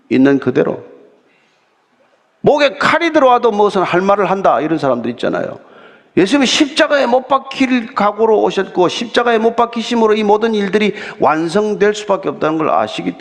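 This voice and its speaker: A middle-aged male pastor with a high, animated voice preaches in a church sanctuary, and his words ring out with a long reverb. He talks to the congregation as if in conversation, asking rhetorical questions and acting out quotes. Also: gravelly. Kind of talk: sermon.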